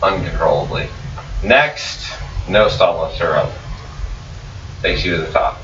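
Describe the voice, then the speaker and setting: A man narrating as dungeon master at a tabletop game, slow and grim, with swearing. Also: low-pitched, fairly bright tone, recorded from a distance. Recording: roomy, muffled, noisy recording from off mic.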